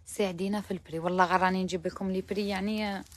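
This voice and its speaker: In a chatty live-shopping try-on, a woman with an Algerian Arabic accent shows abayas to viewers, praising each piece, slipping in French words and now and then dropping almost to a whisper. Her voice is medium-pitched with fairly even intonation, and she talks at a racing pace.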